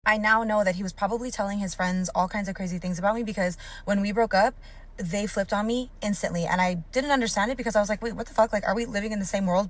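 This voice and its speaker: A woman from Hawaii lays out her story plainly and bluntly, in a casual vlog. Her voice is of middle pitch, and she drops swear words in as she talks. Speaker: storytime TikTok creator.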